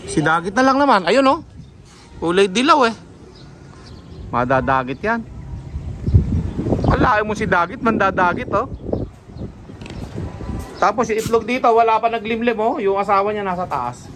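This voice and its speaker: A man vlogging outdoors at his pigeon loft, chatting excitedly and calling his birds down in the wind. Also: high voice, normal speed, long pauses. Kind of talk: casual vlog commentary.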